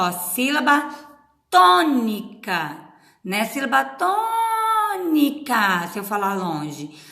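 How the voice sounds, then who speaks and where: Middle-aged woman teacher with a Paraná accent, slow and bright, echoey room. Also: medium pitch. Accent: Brazilian Portuguese from Paraná. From Paraná, Brazil. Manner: patient, drawn-out syllables, frequent "tá?". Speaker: schoolteacher. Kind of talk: recorded remote class for children.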